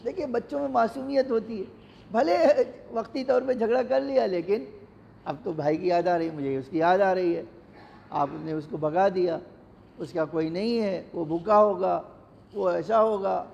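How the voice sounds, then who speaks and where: Male preacher, high gravelly voice, warm and dark-toned, emotive storytelling sermon, long hall reverb. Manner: emotive, acts out the characters' pleas. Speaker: cleric giving a Ramadan lecture. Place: large mosque hall. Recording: echoey hall, dull lo-fi sound, faint noise.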